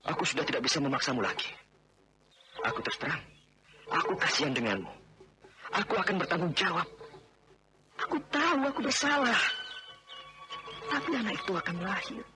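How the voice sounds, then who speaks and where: Radio-play heavy: a pushy, overbearing would-be husband, voice swinging wide in pitch. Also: male voice. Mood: frustrated, then remorseful. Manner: insistent, overbearing, then remorseful. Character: domineering man forcing marriage on wronged woman. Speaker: radio drama actor. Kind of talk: 1980s radio drama acting.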